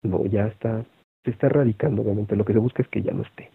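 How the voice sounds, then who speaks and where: This is a teacher with a Mexican accent giving a conversational online lecture to other teachers, heavy on fillers and tag questions. He's a fast talker with a lowish, creaky, slightly rough voice. The phone-like audio is thin and has no echo.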